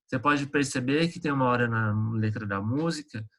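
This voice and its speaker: A man with an ordinary mid-range pitch leads an online lesson, working through exercises over a computer mic. He talks conversationally and checks in with his students often. He hesitates with frequent fillers and restarts. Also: brisk, a bit bright. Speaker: teacher.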